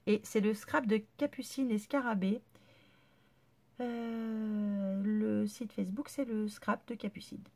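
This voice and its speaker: Woman vlogger with a cold-stuffed nose and a creaky, gravelly tone, chatty and full of praise. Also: mid-range voice, steady tone, takes it slowly, a little mellow. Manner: gushing, chatty, lots of fillers. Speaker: scrapbooking vlogger. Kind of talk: casual unboxing chat.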